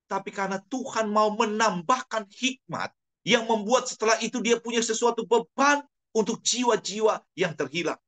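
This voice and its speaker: A male preacher tells a friend's story in a sermon, acting out the quoted words with his pitch dropping and rising. His voice sits high for a man. It has a bright, forceful ring.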